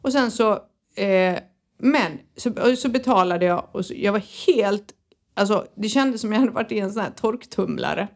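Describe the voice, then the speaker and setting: A woman's voice: mid-range voice, vocal fry. Chatty woman telling a story. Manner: lively anecdote-telling with swearing and laughter. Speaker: podcast co-host. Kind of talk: casual chat, storytelling.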